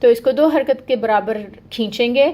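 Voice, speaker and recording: A woman's voice: on the high side, moderate pace, mellow. A woman teaching Quran recitation in an online lesson. She explains patiently, step by step, checks in with "okay" and draws out the sounds she demonstrates.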